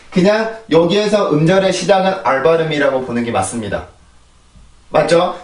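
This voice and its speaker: Male pronunciation teacher, fairly high voice, slightly distant from the mic, patient drills. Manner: explains patiently and models words by repetition. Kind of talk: pronunciation lesson. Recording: echoey room, voice a bit off-mic.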